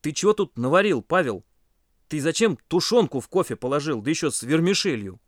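Male narrator as firm, scolding camp instructor, good-natured, lively storybook voice. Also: fairly high pitch, fairly quick, no echo, studio quality, voice pushed up.

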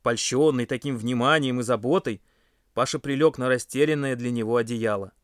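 A man reading a children's story aloud with expressive narration. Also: mid-range voice, brisk, clear, resonant tone, dry recording, clean studio sound.

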